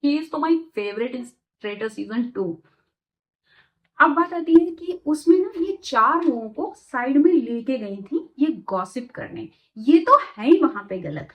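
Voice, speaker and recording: A woman with a high voice talks through her opinions in a casual commentary vlog. She is chatty and outspoken, and she drops English phrases into her sentences. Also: expressive, slow pace, muffled recording. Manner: chatty, mixes English phrases into Hindi talk. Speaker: commentary vlogger.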